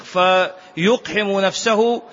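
A man's voice: high voice, fairly even intonation, slow pace, fairly bright tone. A man teaching a religious lesson on a classical text. He repeats key phrases for emphasis and asks his listeners rhetorical questions. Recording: dull lo-fi lecture recording.

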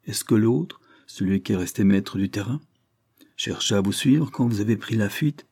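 Un homme lit le rôle d'un officier de police qui interroge avec insistance dans un roman. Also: male voice, lowish voice, normal speed, dark tone, no room sound, studio quality. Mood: insistent. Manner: insistent, probing. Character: insistent male police officer questioning a witness.

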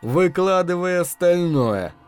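A man reading an audiobook, voicing a small-time gangster who speaks curtly in a low, controlled voice. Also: animated, slow pace, a little mellow, smooth, soft background music. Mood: menacing. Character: menacing small-time male gangster, curt.

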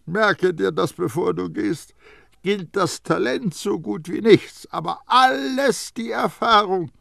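A man voicing a loud scornful old perfumer. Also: high-pitched, slow pace, gravelly, dry recording, clean studio sound, voice pushed up, exaggerated voice. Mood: mocking. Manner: loud, scolding and mocking. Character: stern, blustering elderly male master perfumer. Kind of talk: audiobook character voice.

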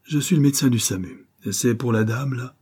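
A man's voice: medium pitch, brisk, darkish tone, husky, lightly acted. A man doing a matter-of-fact young doctor. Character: calm young male emergency doctor.

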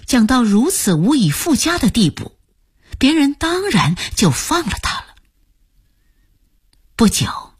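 A woman narrating a novel as an audiobook in measured, expressive storytelling. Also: mid-range voice, husky, no room sound, studio quality.

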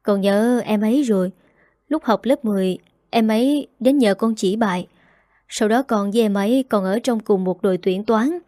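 Woman reading a gentle, weak young man. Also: mid-range voice, moderate pace, dry recording, clean studio sound, lightly acted. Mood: friendly.

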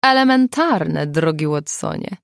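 A woman's voice: low voice, expressive, unhurried, vocal fry, no echo, full character voice. A woman reading the lines of a blunt, dry-humored woman friend in an audiobook. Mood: wry.

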